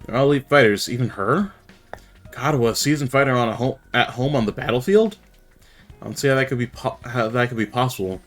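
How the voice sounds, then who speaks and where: A man's voice: medium pitch, a little fast, soft background music. Man reading game dialogue aloud. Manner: reads dialogue with some faltering restarts. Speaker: streamer. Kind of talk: reading a visual novel aloud.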